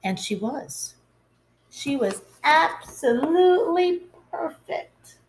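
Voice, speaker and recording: A woman reading a children's story aloud like a teacher, in a deliberate, expressive way. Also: high voice, rough recording.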